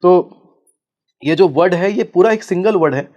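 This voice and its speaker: A man's voice: high voice, normal speed, darkish tone, dull audio. A man speaking as a spiritual guest in an interview, explaining at length and reciting Sanskrit verses. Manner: expounding, chants Sanskrit verses.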